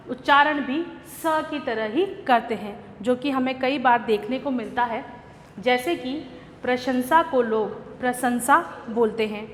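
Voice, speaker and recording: Slow-speaking woman teacher. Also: sits high, reverberant, long reverb tail, a little hiss or hum. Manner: slow, patient explaining to young children. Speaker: school teacher. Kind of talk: online grammar lesson.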